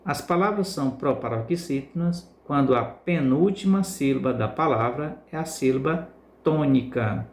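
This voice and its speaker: A male Brazilian Portuguese teacher giving a recorded class lesson, repeating words slowly to stress their syllables. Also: mid-range voice, roomy sound. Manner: slow, drawn-out word repetition for emphasis.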